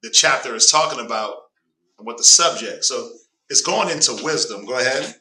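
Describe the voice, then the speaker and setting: A little hiss or hum accompanies this man's medium-pitched voice, which has lively intonation, a normal pace, and a pushed, bright quality. Speaking with a Southern US accent through a stuffy nose and clearing his throat, he jokes with his casual Bible class and prompts a reader with "go ahead." A distant mic captures him in an echoey room.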